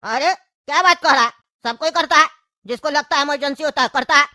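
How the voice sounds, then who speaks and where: In a comedy skit, a woman voices a bossy, mocking know-it-all man with a Bhojpuri-region Hindi accent, teasing, scolding and loud. Her high-pitched, brisk voice is captured in clean studio sound with no echo.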